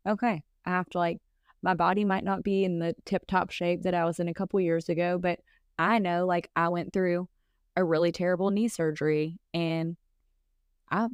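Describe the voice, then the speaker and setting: A woman in her thirties co-hosts a podcast, chatting candidly and casually with plenty of fillers and bursts of laughter. Her voice is lowish, clear and resonant, with a flat delivery at a moderate pace. The recording is clean studio sound with no room sound.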